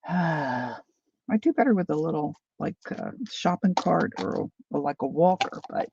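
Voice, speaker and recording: Reading viewer comments on her easygoing craft stream, this sixty-something host with a Philadelphia accent chats in a rambling, expressive way. Her deep, gravelly voice keeps a measured pace over some background noise, and the livestream sound is dull and lo-fi.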